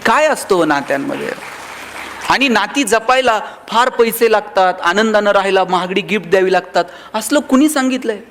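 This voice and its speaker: A motivational speaker addresses a live audience, telling humorous stories and acting out the voices of the people in them. His animated voice sits high and is a bit bright, at a moderate pace, with a faint crowd audible.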